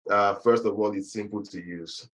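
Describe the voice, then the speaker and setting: Low-ish guy walking through a business webinar, lots of uhs and restarts, talking into a call mic. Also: steady tone, normal speed, background noise. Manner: hesitant, with frequent fillers and restarts. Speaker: webinar presenter. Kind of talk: online business presentation.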